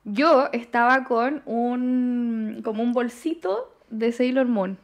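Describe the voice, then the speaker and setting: High-voiced Chilean woman telling a story. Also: takes it slowly. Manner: animated storytelling with lots of slang. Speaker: podcast guest. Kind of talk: casual chat.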